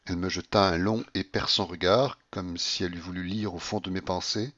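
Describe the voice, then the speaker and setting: Low-voiced man reading a novel aloud. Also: steady tone, brisk, a bit bright, no echo, dull audio. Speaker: audiobook reader. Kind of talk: literary audiobook narration.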